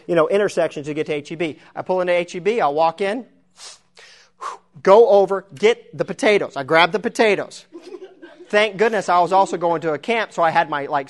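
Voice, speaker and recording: A man preaching through a long comic story, self-mocking and animated. His voice sits a little high for a man, and he often laughs at his own tale before turning to the lesson. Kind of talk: storytelling sermon.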